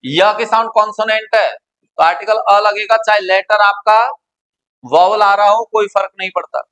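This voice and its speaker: A man's voice: sits high, fairly even intonation, normal speed, pushed and bright, poor audio. A man from India teaching English grammar in a classroom lecture, quizzing his students with repeated questions.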